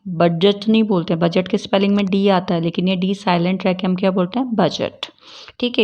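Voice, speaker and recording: A woman's voice: medium pitch, darkish tone. Woman teacher, patient and repetitive, asks viewers questions back, dull lo-fi sound. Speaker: English teacher. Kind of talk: spoken English lesson.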